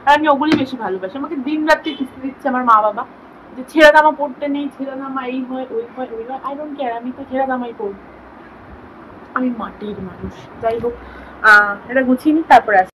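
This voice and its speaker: Young woman vlogger, high voice, casual home chat, faint room hum. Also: poor audio. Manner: chatty, switches to high baby talk with her pets. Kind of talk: casual daily vlog chat. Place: home bedroom.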